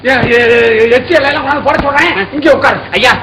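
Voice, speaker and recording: A man's voice: very high-pitched, fast talker, vocal fry, a bit bright, slight background noise, exaggerated voice, poor audio. An actor playing a fussy, boastful village father of the bride in a 1960s film, talkative and self-important. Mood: bossy.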